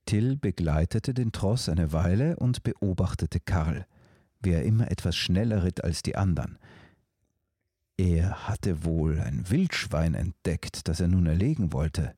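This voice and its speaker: A man narrating a storybook in a calm, measured way. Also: deep voice, no room sound, clean studio sound.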